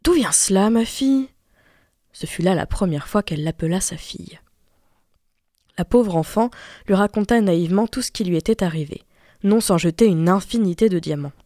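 A woman reading a classic fairy tale aloud with expressive storytelling. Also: lowish voice, normal speed, no echo, clean studio sound. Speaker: reader.

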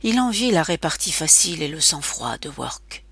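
A woman narrates a literary audiobook with a measured, even delivery. Her voice is low-pitched and breathy-husky, recorded close and completely dry. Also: no echo.

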